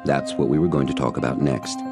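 A man narrating a first-person audiobook in an expressive storytelling manner. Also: a bass voice, fast, over loud music.

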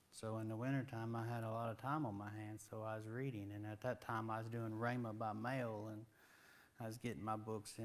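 A man, preaching a sermon in a folksy, conversational way with rising emphatic questions, in a church sanctuary on a lapel mic. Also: medium pitch. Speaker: guest preacher.

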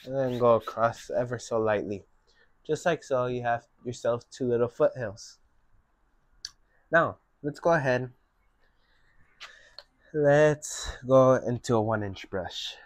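A young man talks through a painting lesson in a slow, unhurried way, guiding each brushstroke step by step. His voice sits at an ordinary pitch and is recorded close and dry. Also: no echo. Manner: slow, relaxed step-by-step instruction. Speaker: painting instructor. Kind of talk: painting tutorial.

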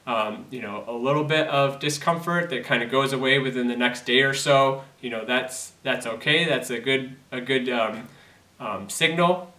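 A man in his thirties speaks as a physical therapist, giving steady, earnest advice full of fillers and small restarts. His voice is bright and forward. The sound is roomy and a little distant from the mic. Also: mid-range voice, normal speed. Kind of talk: educational talk to camera. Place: indoor studio against plain grey backdrop.

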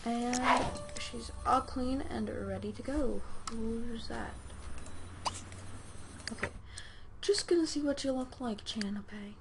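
A woman's voice: fairly high pitch, slow pace, long pauses. A woman with a sore throat giving casual let's play commentary, rambling hesitantly as if talking to herself. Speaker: gaming host. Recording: clearly noisy home recording.

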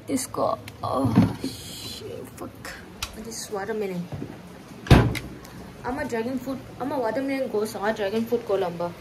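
A young woman in her twenties, a vlogger, chats casually to her phone camera in a small home kitchen, swapping between languages and swearing now and then. Her voice is fairly high, with background noise and background music behind her.

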